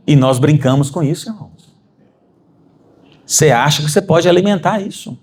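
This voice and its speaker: Brazilian male preacher, fairly high and very animated delivery, rises to fervent emphasis. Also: moderate pace. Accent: Brazilian Portuguese. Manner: animated, rising to emphatic peaks; addresses congregation as brothers. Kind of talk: sermon. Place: church.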